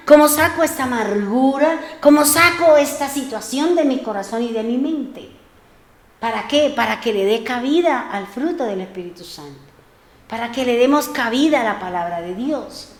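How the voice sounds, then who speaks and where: A woman's voice: fairly high pitch, expressive, moderate pace, echoey room. A woman preaching a sermon, telling a personal story and acting out the dialogue with repeated phrases. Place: church.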